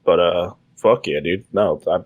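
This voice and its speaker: A man's voice: deep voice, a little slow. A man co-hosting a gaming podcast, talking bluntly and swearing often. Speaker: podcast co-host. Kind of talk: casual chat.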